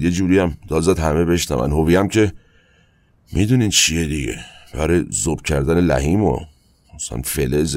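Very deep-voiced man recalling his past. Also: darkish tone. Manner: colloquial, with halting asides and trailing fillers. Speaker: narrator recounting his own past. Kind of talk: first-person spoken recollection.

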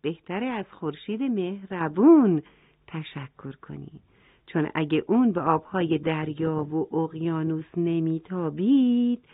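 A woman's voice: on the low side, no room sound, lightly acted. A woman voicing Uncle Winter, a kindly, modest old figure who patiently explains in a children's story. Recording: tinny phone-like dry sound.

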